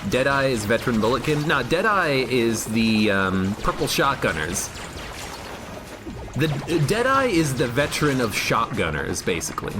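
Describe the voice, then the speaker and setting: Guy streaming a game, rambly and jokey, pitch bouncing all over, game music behind. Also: sing-song, normal speed. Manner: rambling, jokey, reads chat aloud. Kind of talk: casual gameplay commentary.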